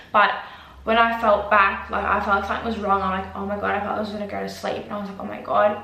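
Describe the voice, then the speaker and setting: Young woman, casual vlogger, mid-pitched, loose and sweary, recorded in a roomy space. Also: sharp tone. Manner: chatty, swears freely, many fillers. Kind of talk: casual storytime vlog. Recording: echoey room.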